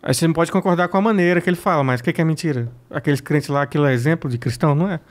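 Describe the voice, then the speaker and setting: A man with a Brazilian accent, a comedian guest in a casual interview, telling stories in a blunt, profane, animated way. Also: a little high, racing.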